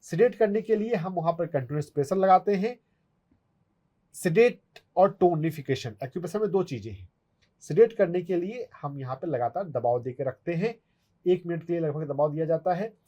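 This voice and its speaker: Instructive man, slightly high voice. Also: animated, normal speed, warm tone. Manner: instructive, step-by-step, demonstrates on his hand. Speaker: acupuncturist answering viewer questions. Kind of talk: explanatory health Q&A.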